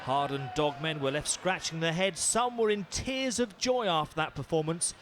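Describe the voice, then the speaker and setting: A man's voice: a little high, normal speed, background noise. A man narrating a sports review programme in a polished, emphatic voice-over. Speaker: programme presenter.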